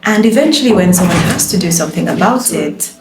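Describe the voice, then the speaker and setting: A woman's voice: on the low side, lively intonation, quick pace, soft background music. Passionate woman giving advice. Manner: passionate, emphatic, advising. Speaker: guest, lawyer and voice-over artist. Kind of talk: casual conversation. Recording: roomy echo.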